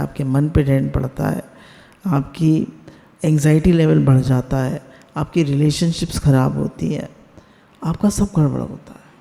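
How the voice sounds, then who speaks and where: A man gives a spiritual discourse over a video call and keeps putting questions to his listeners. His voice is gravelly and mellow, sits a little high, and trails into a long reverb. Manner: asks the listeners questions, mixes English words into Hindi. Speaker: satsang speaker.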